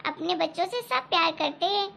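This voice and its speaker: A woman doing a gentle loving mother. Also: very high-pitched, animated, brisk, vocal fry, slight background noise, exaggerated voice. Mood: soothing. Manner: soft, soothing. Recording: dull lo-fi recording.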